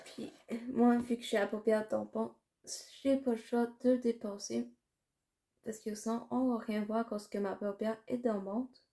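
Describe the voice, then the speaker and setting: A woman's voice: a little high, steady tone, unhurried, mellow. A woman with a Quebec French accent chatting casually through a makeup tutorial, rambling and hesitant with many fillers. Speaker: makeup vlogger.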